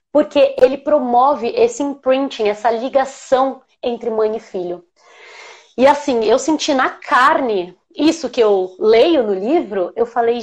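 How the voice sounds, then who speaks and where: Brazilian lady on a live stream, higher voice, gets emotional telling stories. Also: highs cut off. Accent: Brazilian Portuguese. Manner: animated, emotional, laughs while telling. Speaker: aromatherapist, live host. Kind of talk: casual live chat storytelling.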